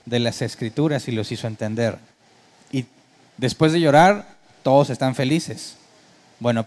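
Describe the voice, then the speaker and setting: This male pastor has a medium-pitched, darkish voice. His sermon has a conversational feel, peppered with rhetorical questions to the congregation and funny imitations of worship keyboard sounds.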